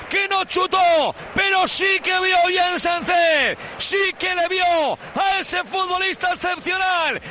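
A man's voice: very high-pitched, pushed and bright. A man with an accent from Spain giving breakneck, impassioned football goal commentary on the radio, stretching out his goal cries. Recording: noisy live match broadcast.

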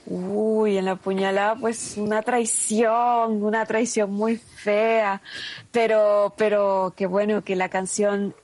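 A woman singer answering radio interview questions earnestly, with many pauses and fillers. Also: mid-range voice, level tone, a little mellow. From Peru. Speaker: singer, nominated guest.

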